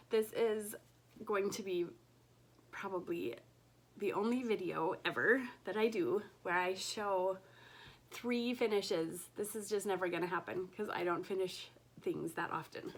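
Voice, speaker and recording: A woman recovering from an illness chats casually to camera as a cross-stitch vlogger at home, gushing and slipping into soft whispers over her stitching. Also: mid-range voice, measured pace. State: recovering from illness, voice recently lost.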